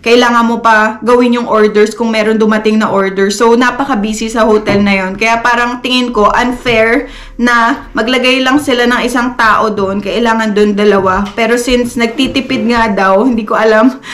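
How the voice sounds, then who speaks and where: A woman's voice: a little high, steady tone, normal speed, fairly bright tone. A woman from the Philippines, a vlogger chatting to camera and venting candidly and earnestly to her viewers. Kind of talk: casual chat to camera.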